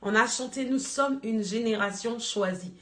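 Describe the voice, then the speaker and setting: A woman giving an earnest church exhortation, slow and searching for words. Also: on the high side. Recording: echoey room.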